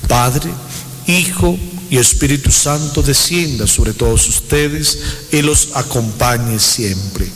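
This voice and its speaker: A male priest giving closing announcements and a slow, solemn blessing at Mass, his voice carried by a long church reverb. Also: mid-range voice, fairly bright tone. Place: large church. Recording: reverberant church hall with faint background noise.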